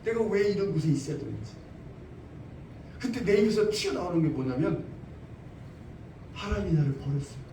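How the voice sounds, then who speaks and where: A man's voice: high voice, sing-song, brisk, creaky, pauses often, warm tone, a little hiss or hum. A man preaching a sermon as pastor, emphatic, repeating his phrases and asking rhetorical questions. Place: church sanctuary. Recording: roomy, distant church recording.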